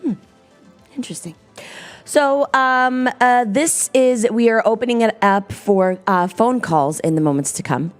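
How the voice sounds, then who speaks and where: A woman's voice: a little high, unhurried, faint music behind. A woman co-hosting a show, chatty and playful. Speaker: co-host. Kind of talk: casual show chat.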